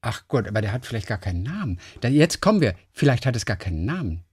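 Fast-talking and sing-song, this middle-aged radio co-host has a mid-range voice that's a little mellow and husky. He rambles through casual on-air chat, searching for the right words.

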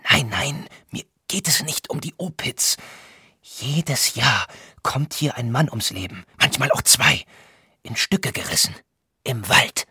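A man doing a frail young student laid up with fever, his voice thin, breathy and hushed, as if talking from a sickbed. The tone is bright and edgy, and the sound is close and dry, with no room around it. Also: medium pitch, lively intonation, takes it slowly, dry recording, voice pushed up, exaggerated voice. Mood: uneasy. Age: young adult. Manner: weak, half-whispered, uneasy. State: breathy and weak. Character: sickly feverish young male art student.

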